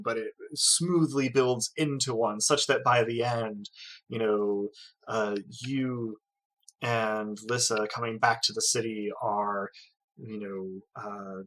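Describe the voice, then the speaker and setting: A man narrating a tabletop game as game master, pausing often with fillers and restarts. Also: lowish voice, sharp tone, low-quality recording. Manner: hesitant, many fillers and restarts.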